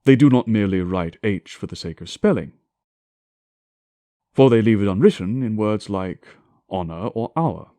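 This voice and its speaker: Male lecturer, slightly low voice, highly varied pitch, formal and declamatory, scripted scholarly read with Shakespearean English touches. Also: expressive, dark tone, no room sound. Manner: formal, deliberate, declamatory delivery with emphatic enunciation. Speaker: lecturer on historical English pronunciation.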